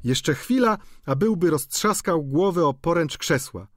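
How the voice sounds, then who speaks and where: A man's voice: on the high side, expressive, a little slow, dry recording, clean studio sound, pitched above the performer's own voice. A man voicing a fussy, gossiping older widow who runs a boarding house, chattering and exclaiming in a raised voice. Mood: gushing.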